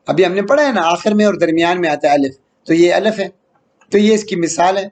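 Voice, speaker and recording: Patient high-voiced male grammar teacher. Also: a little mellow. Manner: patient, repeats key words and asks rhetorical check-ins. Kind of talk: online grammar lecture.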